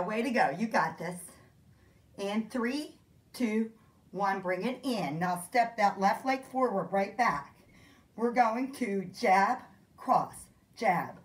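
A woman fitness instructor leading a kickboxing workout, counting out moves and calling out encouragement, out of breath. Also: fairly high pitch. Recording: echoey room.

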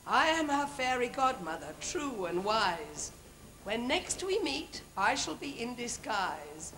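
An older English actress playing a kindly, stately fairy godmother in a stage pantomime, declaiming rhymed narration in a grand, measured way. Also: fairly high pitch, big pitch swings, a bit bright, a little hiss or hum, full character voice, poor audio. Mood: grand, mysterious. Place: theatre stage. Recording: amateur videotape of stage show, music underneath.

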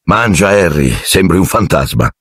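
A man's voice: sits low, big pitch swings, normal speed, fairly bright tone, slightly rough, dry recording, clean studio sound, full character voice. A man voicing a fussy, jovial middle-aged minister who talks to a boy in a genial, patronizing and evasive way.

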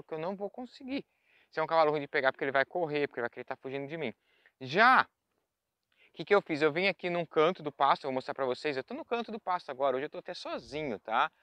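Out in a pasture, a Brazilian trainer chats straight to the camera about handling horses, peppering his instruction with tag questions. His voice, Brazilian Portuguese-accented, is a little high, fairly bright, clear, and resonant; there's no echo, but the recording is muffled.

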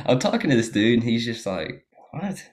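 A man's voice: medium pitch, unhurried. A young American man casually telling a story with lots of fillers. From United States. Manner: relaxed storytelling with many fillers. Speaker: guest. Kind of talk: casual chat.

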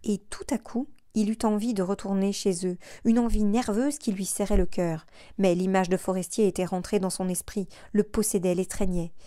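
A woman narrating an audiobook in a measured, expressive reading. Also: mid-range voice, dry recording, studio quality. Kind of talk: scripted narration.

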